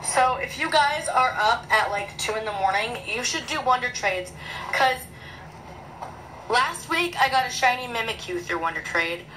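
A woman chatting casually through an unboxing vlog in her small bedroom, excitable and rambling, recorded on a phone camera. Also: a little high, moderate pace, a little hiss or hum, low-quality recording. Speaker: vlogger.

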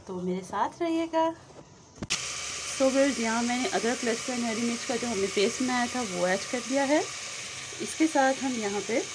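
Cooking at home, a woman talks her viewers through a recipe one step at a time, friendly and direct, mixing English words into her speech. Her voice is a little high, with lively intonation and a measured pace. The phone recording is noisy, with a pan sizzling and food frying.

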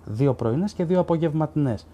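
A man's voice: fairly high pitch, animated, dull audio. A man hosting a live stream as a sports journalist, reading viewer comments aloud in casual commentary and arguing bluntly with them, with many fillers and restarts.

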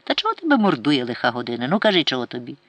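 A man's voice: mid-range voice, huge pitch swings, racing, fairly bright tone, no room sound. A man voicing a pious, stern village mother who scolds her son and threatens him with hellfire. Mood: scolding.

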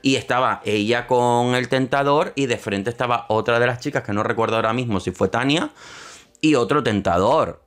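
A young man, giving opinionated, sarcastic commentary on a reality show and slipping into quick impressions of the people on it. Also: mid-range voice, a bit bright. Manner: sarcastic, opinionated, mocking asides; quick shifts into quoting others. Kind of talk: casual commentary.

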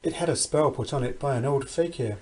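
A gruff middle-aged sergeant major from a storybook, acted out by a male reader. The voice is husky and grave, slow to answer and stubborn, pitched in a middle register. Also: darkish tone, close to an everyday voice. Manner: solemn, slow, dogged.

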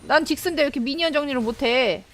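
A woman streaming a game, excitably commenting, yelping and chattering at her own play. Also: sits high, very fast, no echo. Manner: excitable, yelps and chatters at the screen. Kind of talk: live gameplay commentary.

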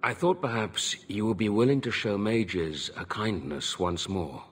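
An actor playing an earnest, stern, honorable knight in a video game, speaking formally and gravely. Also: male voice, on the low side, expressive, unhurried, slight background noise.

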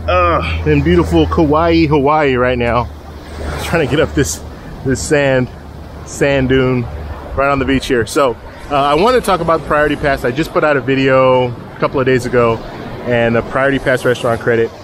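Holding his phone at arm's length on a beach, a middle-aged man records a casual selfie vlog about travel. His mid-range voice is steady and at normal speed, with a little hiss or hum. He is chatty and rambles, often starting over.

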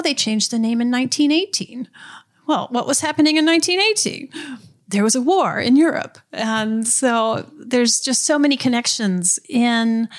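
A woman guest, a museum director, explains things earnestly in a relaxed interview. Her voice sits a little high. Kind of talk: casual interview. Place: house next door to a museum.

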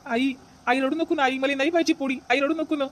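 A woman voicing a small boy who pleads softly with his mother. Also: high voice, steady tone, brisk, voice pushed down, natural voice. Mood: pleading. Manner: soft, pleading.

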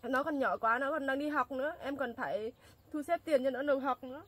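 A woman's voice: sits high, brisk, crowd noise, natural voice. A woman playing a desperate single mother who begs tearfully in a staged home drama. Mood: pleading. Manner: pleading, tearful begging. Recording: steady background noise.

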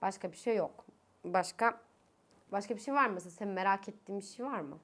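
A woman's voice: medium pitch, quick pace, a bit bright. Tired, coughing young woman speaking through a mask. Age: 20s. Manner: chatty, laughs often, voice rising when annoyed. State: tired, coughing, with a sore throat. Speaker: vlogger. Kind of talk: casual chat to camera. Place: her own bedroom, indoors. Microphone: speaking through a face mask.

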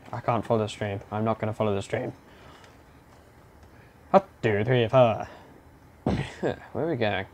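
A man's voice: mid-range voice, slight background noise. Playful young man gaming. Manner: playful, mutters to himself, bursts into silly shouts and growls. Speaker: gamer playing through a game. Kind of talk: casual let's-play commentary.

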